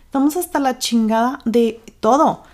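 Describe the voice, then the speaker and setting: A woman with a Mexican accent hosting a casual rant podcast, talking fast and excitably and swearing freely. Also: fairly high pitch. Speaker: podcast host.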